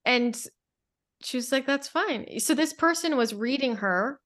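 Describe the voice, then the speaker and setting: A woman's voice: fairly high pitch, animated, unhurried, fairly bright tone. A woman in a casual spiritual podcast conversation, telling a long story in a rambling way with many restarts.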